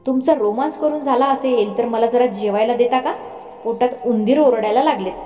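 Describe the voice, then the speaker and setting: A woman voicing a brash, teasing young man who talks loudly and whines cheekily. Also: on the high side, measured pace, natural voice. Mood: cheeky teasing. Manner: loud, cheeky, whiny. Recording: roomy reverb, faint music.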